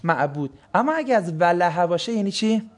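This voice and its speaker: A man's voice: high voice, expressive. A man teaching a class on the meaning of sacred words, who keeps asking the students questions and then answering them himself. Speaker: religious studies teacher. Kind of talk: classroom lecture on Quranic words.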